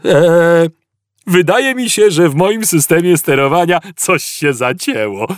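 A man's voice: fairly high pitch, expressive, a little slow, dry recording, clean studio sound, pitched above the performer's own voice. A man doing a giggly, chirpy ship computer. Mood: cheerful. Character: cheerful overfriendly male ship computer.

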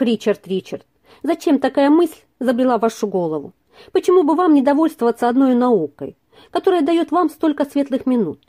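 A woman reading aloud and voicing a lively, impatient young lady with a bright, teasing manner. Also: high voice, voice pushed up.

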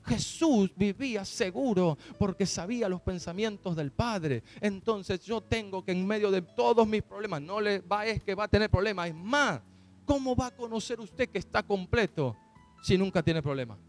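A pastor preaches with fervor and drives his points toward shouted declarations. His voice sits high for a man, and soft music plays faintly behind him. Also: normal speed. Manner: fervent, building to shouted declarations. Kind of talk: sermon.

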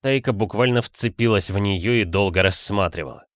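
A man reading a novel as an audiobook narrator, with a steady, even storytelling delivery. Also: on the low side, normal speed, no room sound, studio quality. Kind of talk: scripted narration.

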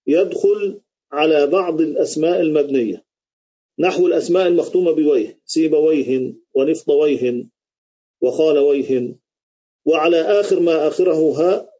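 A man's voice: a little high, warm tone, husky, lo-fi sound. A man teaching an Arabic grammar lesson on a video call, quizzing his students and restating each rule. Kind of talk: live online grammar lesson.

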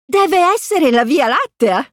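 A woman's voice: sits high, very animated, measured pace, fairly bright tone, no room sound, clean studio sound, heavily acted. A woman voicing a goofy, dim-witted cartoon dog in a storybook reading.

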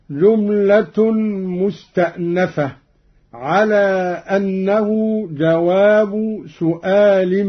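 Measured man explaining and chanting recitation. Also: high voice. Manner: measured, chanting the quoted verses slowly. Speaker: Quran recitation teacher. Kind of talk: explaining and demonstrating Quran recitation variants. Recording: dull archival radio recording.

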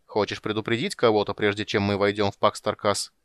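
A man's voice: fairly low pitch, flat delivery, brisk, fairly bright tone, clear, resonant tone, dry recording, natural voice. Man reading as a stern proud knight.

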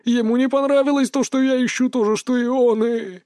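A man's voice: steady tone, fairly quick, darkish tone, no echo, clean studio sound. A man doing sobbing old smuggler Hassan. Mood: shaken. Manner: tearful, pleading, high and strained.

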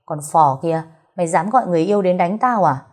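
A woman voicing a crude male street thug who taunts loudly and fast. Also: lowish voice, expressive. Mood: defiant. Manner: loud, sneering and fast.

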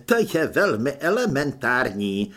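An enthusiastic young soldier who gets carried away explaining clever ideas, as a male narrator voices him. He talks with eager energy and a lively, wide-ranging pitch. His voice has a slightly husky grain. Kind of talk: audiobook character voice.

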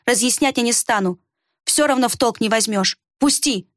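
A woman's voice: fairly high pitch, moderate pace, no echo, lightly acted. A woman voicing a young sorceress girl who speaks in a dry, firm, clipped tone. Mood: cold.

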